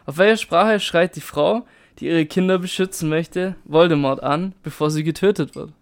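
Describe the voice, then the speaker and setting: A man's voice: a little high, moderate pace, clean tone. Matter-of-fact man reading quiz questions. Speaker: quiz master.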